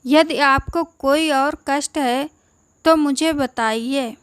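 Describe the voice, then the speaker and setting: A woman's voice: high-pitched, slow pace, no echo, studio quality. A woman voicing a kind-hearted young male thief who speaks politely and plainly.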